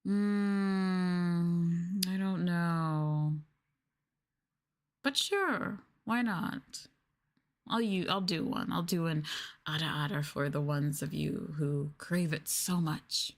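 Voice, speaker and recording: A woman livestreams an ASMR roleplay in a slow voice on the low side, talking down to her viewers. She's teasing, sultry and condescending, playing a mock-sadistic dominant.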